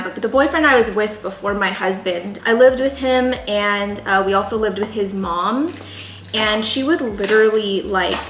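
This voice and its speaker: This cooking video host, a young woman from San Jose, California, has a mid-range, slightly bright voice and rambles chattily through a casual tutorial with many fillers. She records in a home kitchen that echoes, with pots, dishes and clicking knives clattering in the background.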